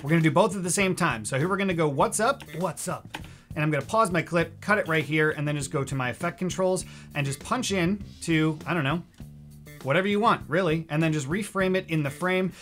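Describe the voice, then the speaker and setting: A man's voice: a little high, quick pace, a bit bright, soft background music. A man hosting a casual video-editing tutorial, upbeat, chatty and direct. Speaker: host.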